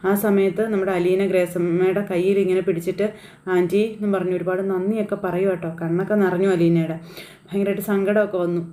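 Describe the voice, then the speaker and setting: Woman rattling through a serial recap, quick chatty talk, mellow darkish voice. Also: lowish voice, level tone. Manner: chatty, tags lines with "you know". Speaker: narrator retelling a TV serial episode. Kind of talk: casual spoken recap.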